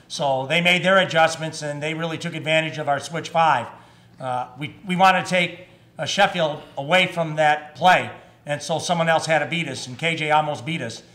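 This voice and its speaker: At a postgame press conference, a head basketball coach in his fifties speaks into a table microphone in a press room before a sponsor backdrop. His voice is a bit high-pitched, bright, and forceful, and his halting, measured delivery is full of fillers and restarts.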